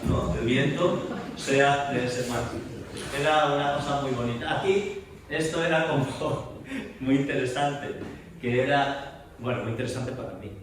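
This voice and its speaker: A man's voice: mid-range voice, measured pace, recorded from a distance, background noise. Man lecturing in an echoey hall. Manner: explains with rhetorical questions and recites verse aloud. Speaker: theatre director and voice teacher. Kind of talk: masterclass lecture.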